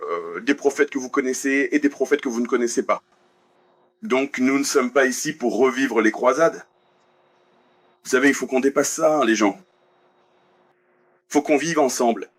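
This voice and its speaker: Man from the US, debate speaker, mid-pitched voice, earnest, addresses the crowd directly, repeats lines for emphasis. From United States. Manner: hesitant fillers while finding verses. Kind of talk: debate speech to an audience.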